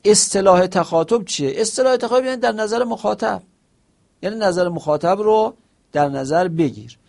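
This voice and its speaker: A man's voice: sits high, expressive, vocal fry, a little mellow. A man teaching a seminary lesson. He explains with examples, asks himself questions and quotes short Arabic phrases. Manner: quotes Arabic phrases within Persian speech.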